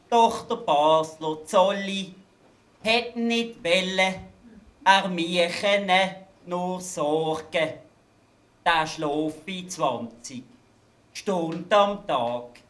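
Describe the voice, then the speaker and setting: A man's voice: high voice, a bit bright. A man with a Basel Swiss German accent performing satirical carnival verses on stage. He lands his punchlines in a dry, wry way. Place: event stage in a hangar. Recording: roomy hall echo.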